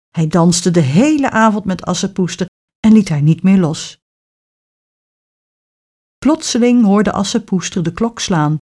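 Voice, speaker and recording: A woman narrating a children's fairy tale in an expressive storytelling manner. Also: on the low side.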